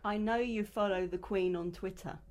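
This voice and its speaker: A woman's voice: mid-range voice, steady tone, moderate pace, a little mellow. English woman w london accent, chatty, teasing, short answers. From England. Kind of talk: casual chat.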